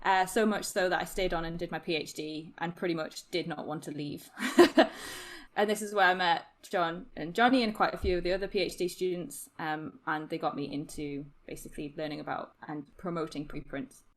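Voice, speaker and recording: A woman's voice: fairly low pitch, fairly even intonation, brisk. A young woman from Newcastle, a podcast producer, chatting casually, giggling and interrupting herself as she rambles. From Newcastle, England. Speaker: podcast producer, postdoc researcher.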